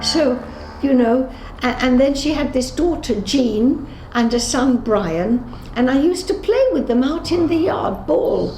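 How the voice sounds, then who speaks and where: Unhurried yet with hardly any pauses, her high, mellow voice carries lively intonation. She is an English Holocaust survivor in her eighties recounting memories in an unscripted interview, correcting herself and acting out dialogue. The recording has a roomy echo and clear background noise.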